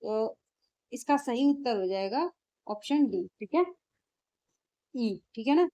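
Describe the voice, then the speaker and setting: A woman's voice: a little high, animated, slow pace, dark tone. A woman teacher, going through exam questions in a lesson and answering her own questions.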